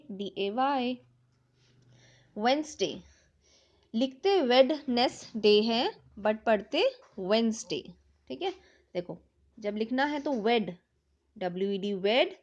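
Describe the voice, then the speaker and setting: A woman teaching young children, mixing Hindi and English, spelling words letter by letter and checking often that the class follows. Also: sits high. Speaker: primary school teacher. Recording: dull lo-fi recording.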